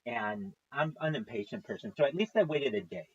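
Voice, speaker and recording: A man's voice: mid-range voice, animated, fairly quick, breathy edge, highs cut off. A man in his thirties, a livestreamer, tells a long story in a casual, profane, exasperated way. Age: 30s.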